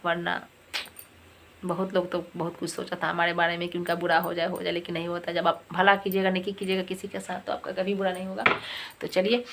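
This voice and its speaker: A middle-aged woman talks through a casual home vlog from her kitchen, chatty and full of retold conversations. Her voice sits low and stays fairly flat, with a slight cold in it. A faint hiss runs underneath the recording. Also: gravelly. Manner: chatty storytelling, retells others' words. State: has a cold. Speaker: vlogger.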